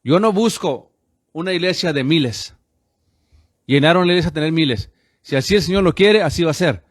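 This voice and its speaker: A man's voice: a little high, expressive, a little fast, no echo, studio quality. A man in his fifties from the United States, a radio pastor preaching with fervent insistence and constantly addressing listeners as brothers. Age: 50s.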